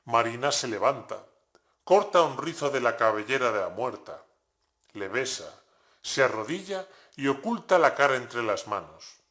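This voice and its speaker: A man reading a novel aloud slowly and deliberately, acting out the dialogue. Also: medium pitch, lively intonation, fairly bright tone. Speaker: narrator. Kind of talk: dramatic literary reading.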